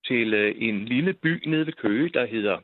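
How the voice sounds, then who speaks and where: An older man with an expressive, medium-pitched voice tells a personal story in a rambling, casual way. The story is full of hesitations and repeated words. It comes through a tinny phone line with no room sound.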